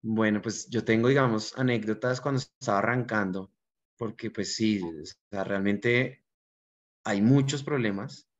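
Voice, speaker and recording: A man's voice: on the low side, a little slow. A man with a Colombian accent, a restaurant owner, earnestly and reflectively telling stories from his life in an interview. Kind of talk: interview answers, personal storytelling. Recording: dull lo-fi recording.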